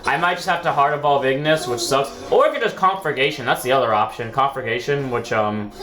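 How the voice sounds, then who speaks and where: Faint background music and an echoey room frame this gaming video host's commentary. He has a mid-range, fairly quick voice with a sharp tone, sounds sick with a sore throat, and rambles casually about his own card game match, correcting himself often and cursing now and then.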